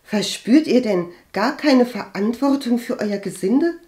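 A woman's voice: on the high side, lively intonation, normal speed, darkish tone, pitched above the performer's own voice, close to an everyday voice. A woman reading an audiobook and voicing an earnest, hot-tempered young woman healer who speaks in a heated, reproachful way. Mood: angry. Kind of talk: audiobook character voice.

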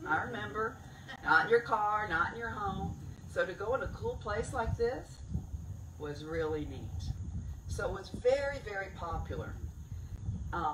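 A woman's voice: mid-range voice, noisy background. An older woman giving a chatty, digressive talk at a lectern mic outdoors, stressing key words as she goes. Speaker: cave director giving a talk. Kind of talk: informal public talk. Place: outdoor event under a tent near woods. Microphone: stand mic at a lectern. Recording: roomy outdoor sound from a distant camera.

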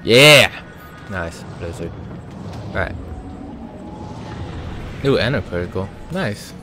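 A man with a fairly low voice talks his way through a game at an unhurried, drawn-out pace. He thinks aloud with plenty of ums and sighs, in casual let's-play commentary, with faint game music behind him. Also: expressive. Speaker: gaming channel host.

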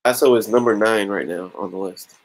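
A man in his thirties runs a casual comic-collecting YouTube stream from a small room at home, speaking into a webcam mic as he chats and counts raffle entries aloud. His voice sits fairly low and moves fairly quickly, and the recording is rough.

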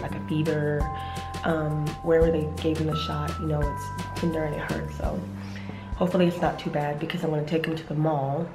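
A woman's voice: low voice, echoey room, low-quality recording. A woman and mother chatting casually to the camera in a home vlog, rambling with lots of fillers. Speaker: family vlogger and mother. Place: at home indoors.

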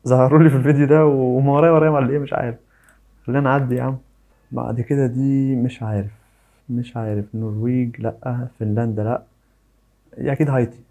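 Egyptian man with a mellow voice. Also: medium pitch. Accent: Egyptian Arabic. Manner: thinks aloud, guessing and teasing himself. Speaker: YouTuber. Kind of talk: casual commentary on a flag quiz.

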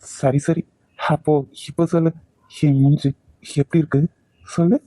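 A man's voice: fairly high pitch, little pitch movement, unhurried, warm tone, no room sound. A man voicing a cocky male college senior with a Kanyakumari Tamil accent, teasing and domineering.

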